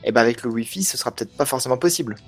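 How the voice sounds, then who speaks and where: Man, podcast host, casual tech chat, hesitant, restarts, middle pitch, faint music behind. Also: very fast. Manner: hesitant, frequent restarts and fillers.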